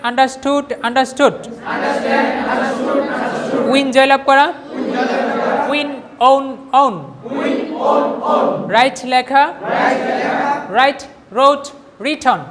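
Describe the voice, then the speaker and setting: A man's voice: extremely high pitch, level tone, a little slow, pauses often, a loud crowd. A man teaching English vocabulary to a class, drilling verb forms in repetitive chanted lists.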